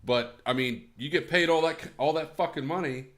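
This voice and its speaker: A man's voice: fairly high pitch, normal speed, a bit bright. A man co-hosting a casual sports talk show, speaking bluntly and swearing. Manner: blunt, profane. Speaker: podcast co-host. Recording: echoey room.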